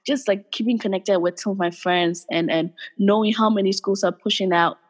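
A woman's voice: medium pitch, moderate pace, husky, in a large hall. A woman who grew up in Ghana, a guest in an interview, speaking thoughtfully and earnestly with frequent fillers. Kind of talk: interview conversation.

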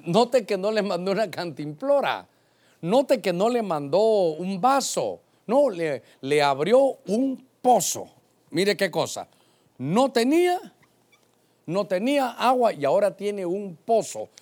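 A middle-aged man, preaching a sermon and swinging from loud to hushed. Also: high voice, big pitch swings, takes it slowly. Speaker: pastor.

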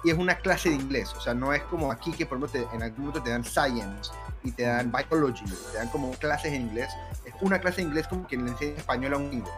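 Young colombian guy chatting on a podcast, acts out quotes, tends to repeat himself, music playing loud. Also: medium pitch, fast, hardly any pauses. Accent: Colombian Spanish. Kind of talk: casual storytelling chat.

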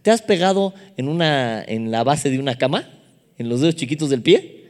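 A man with a Mexican accent preaching a sermon, telling stories in a lively, humorous way. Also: mid-range voice, normal speed. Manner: lively storytelling with humorous asides. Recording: long hall reverb.

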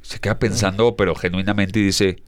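A man's voice: fairly low pitch, steady tone, fairly quick. A man with a Mexican accent, co-hosting a podcast in casual chat, agreeable and full of slang. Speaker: podcast co-host.

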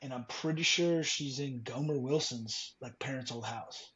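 A man telling excited stories in a casual chat, laughing and acting out his own past remarks. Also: mid-range voice, normal speed, slightly rough, lo-fi sound.

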